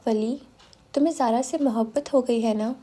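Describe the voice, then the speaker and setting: Woman voicing teasing young man, playful, high voice, mellow, audiobook. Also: fairly even intonation.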